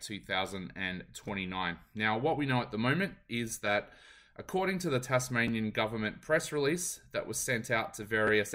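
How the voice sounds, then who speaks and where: A man's voice: lowish voice, pushed and bright. A man with an Australian accent hosting a podcast, giving solo commentary in a loose, conversational way and passing on what promoters told him. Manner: conversational, frequent ums, relays what others told him. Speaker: podcast host.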